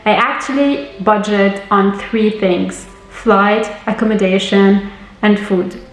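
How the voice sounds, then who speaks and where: A woman's voice: medium pitch, steady tone, slow, roomy sound, faint music behind, rough recording. A young woman from Lebanon giving travel tips in a friendly, explanatory scripted vlog. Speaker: travel vlogger.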